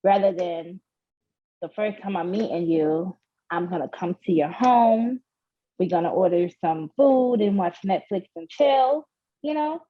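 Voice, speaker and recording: Slow-talking nervous woman from Guyana. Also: fairly low pitch, animated, highs cut off. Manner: hesitant, nervous, giggly, many fillers. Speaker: guest. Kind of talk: casual chat.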